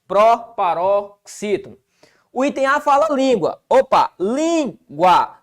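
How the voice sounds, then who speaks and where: A man with a Brazilian accent teaching an exam-prep grammar lesson, colloquial and answering his own rhetorical questions. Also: extremely high pitch. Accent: Brazilian Portuguese.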